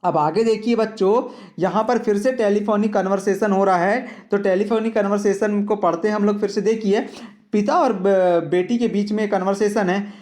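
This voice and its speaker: A man's voice: high-pitched, fairly even intonation, darkish tone. A man, teaching an English lesson to children and explaining each line patiently. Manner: slow, patient, addresses children directly. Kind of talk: reading an English worksheet aloud and explaining it in Hindi.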